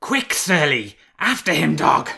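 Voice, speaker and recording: A man voicing a cruel hunting man who shouts shrill, powerful orders to his dog in a storybook reading. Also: sing-song, unhurried, gravelly, exaggerated voice. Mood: savage shouting. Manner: shouting, wicked.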